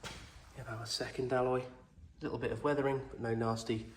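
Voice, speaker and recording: Recorded outdoors with echo and faint noise, this walk-around vehicle video has a car salesman with a cold circling a pick-up. He goes over its condition in a plain, methodical, reassuring manner, using a mid-range voice, level tone and moderate pace.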